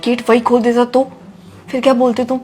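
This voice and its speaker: A woman plays a brazen young married woman in a melodramatic web drama, her voice sitting a little high as she presses her case and scolds those around her. Faint music runs under the scene. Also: little pitch movement, brisk, a little mellow, natural voice. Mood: pleading. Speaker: daughter-in-law character. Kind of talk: scripted Hindi short-drama acting.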